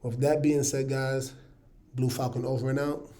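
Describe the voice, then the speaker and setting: A man teaching a casual online music lesson in a relaxed way, often checking in with his viewers. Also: medium pitch, moderate pace. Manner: relaxed, checks in with "all right, you guys".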